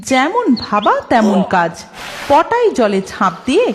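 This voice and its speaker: A woman's voice: high-pitched, huge pitch swings, a little slow, a little hiss or hum. A woman narrating a scripted story as the storyteller. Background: music.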